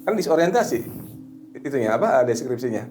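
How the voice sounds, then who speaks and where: A middle-aged man who works as a hypnotherapist, chatting casually and telling animated stories, sometimes slipping into a slow, soothing suggestion voice. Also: medium pitch, soft background music. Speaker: hypnotherapist guest. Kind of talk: casual chat.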